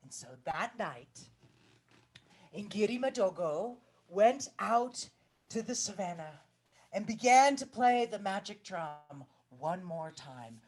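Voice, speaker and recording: A woman telling a children's story with dramatic hushes and swells. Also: medium pitch, animated, slow.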